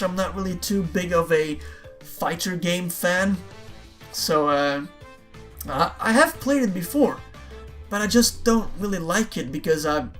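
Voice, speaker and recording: This YouTuber is a young man whose first language is Dutch, and his voice is high-pitched and a bit bright. He answers viewer questions casually and ramblingly, often repeating words and saying "man".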